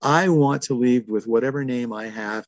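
A man in his seventies speaks in a gravelly, creaky voice. He reflects at an easy, thoughtful pace and leans into wry humor. The recording is dry and a little dull. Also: mid-range voice, moderate pace, dry recording. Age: 70s. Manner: thoughtful, wry, chuckles between stories. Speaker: interviewee. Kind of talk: reflective conversational storytelling.

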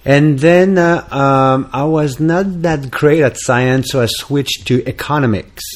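A man's voice: mid-range voice, slow. A man from France with a French accent, a musician guest in a casual interview, talking hesitantly with many fillers and restarts.

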